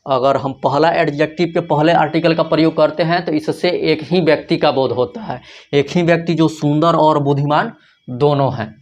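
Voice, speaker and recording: A man's voice: a little high, fairly even intonation, moderate pace, a little mellow. A man teaching an English grammar lesson in Hindi, who keeps asking questions and answering them himself. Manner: asks questions and answers them himself, repeats key points.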